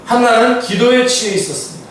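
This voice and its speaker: A man's voice: very high-pitched, fairly even intonation, fast, a bit bright, slight background noise. A man who is a pastor, reading scripture aloud and explaining it to his congregation in an afternoon Bible study, often asking them questions. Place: church sanctuary. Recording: echoey church hall, mic from far off.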